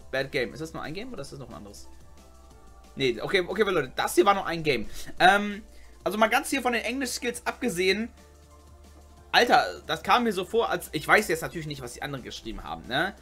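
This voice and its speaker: A man's voice: high-pitched, a bit bright, slightly rough. A young man giving casual, slangy commentary on game chat logs as a gaming YouTuber, exclaiming often.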